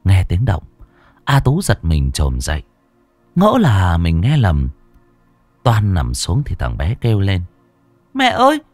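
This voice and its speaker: Lively low-voiced male storyteller. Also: slow pace, pauses often, dry recording, soft background music. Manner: expressive storytelling. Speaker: audiobook narrator. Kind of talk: scripted narration.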